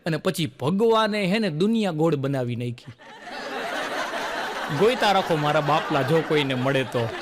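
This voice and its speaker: A man's voice: on the high side, lively intonation, normal speed, heavy background noise. A man telling stand-up jokes, a folksy storyteller who acts out the people in his stories. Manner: folksy storyteller acting out quoted characters. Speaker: comedian. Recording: long hall reverb.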